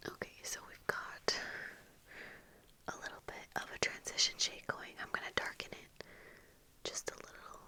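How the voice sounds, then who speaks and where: Close to a fluffy-covered microphone, with earphones on, a young woman whispers a casual ASMR get-ready-with-me chat, breathy and halting, her whisper pushed and bright. This ASMR creator is in her early adult years and records in a small home room lined with bookshelves.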